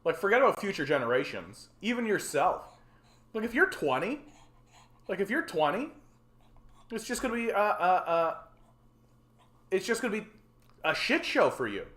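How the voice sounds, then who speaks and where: A Canadian man in his forties hosts a solo livestream, ranting in a frustrated, rambling way with lots of stammered repeats. His voice is high and a bit bright, swinging widely in pitch, at a moderate pace with long pauses. The room has a roomy echo.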